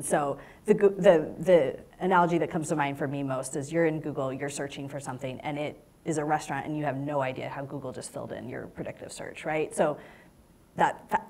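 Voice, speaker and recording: A woman's voice: low voice, darkish tone. A woman in her thirties speaking as a panelist in a lecture hall on a lapel mic, thoughtful and gesturing as she explains. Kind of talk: panel discussion.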